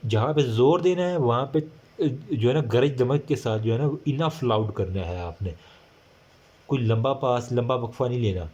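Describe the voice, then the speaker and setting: Man, lecturer, casual recorded lesson, slow English bullet points, chatty explanations with fillers. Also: medium pitch, mellow.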